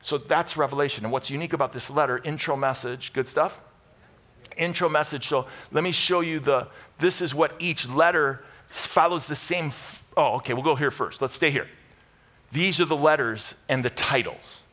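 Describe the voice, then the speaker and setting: This middle-aged American pastor's voice sits a little high and a bit bright, at a normal pace. He delivers a sermon with Bible teaching to a live congregation on an indoor church stage, using short, punchy conversational lines and repeated emphasis.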